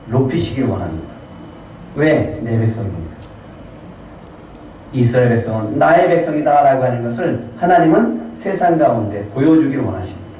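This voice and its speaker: Male pastor, fervent sermon delivery, slightly high voice, distant and echoey church recording with faint hiss. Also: mellow. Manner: fervent preaching, repeating "예" to the congregation. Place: church sanctuary.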